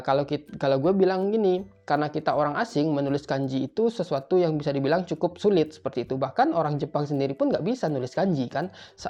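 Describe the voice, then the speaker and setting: A man's voice: on the high side, mellow. A young man, casually explaining job interview answers in a chatty, informal way. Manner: chatty, informal, keeps repeating a filler tag. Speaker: tutor for job interviews in Japan. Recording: slightly muffled, faint music behind.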